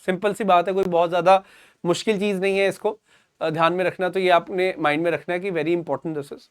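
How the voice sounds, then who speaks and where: Indian male tutor, high voice, dry close sound, recaps the points again and again for exam students. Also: fairly even intonation, fairly quick, clear, resonant tone, dry recording. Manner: explains simply, mixes Hindi with English phrases, repeats key points; calls students "beta". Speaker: exam coaching teacher. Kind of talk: current affairs lecture.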